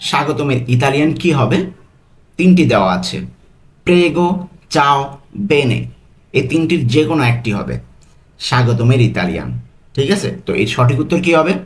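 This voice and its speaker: Man teaching phrases slowly, word by word. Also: medium pitch, sing-song. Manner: explains slowly word by word, repeats each phrase; says the foreign phrases very slowly and carefully. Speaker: language teacher. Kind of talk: quiz-style language lesson.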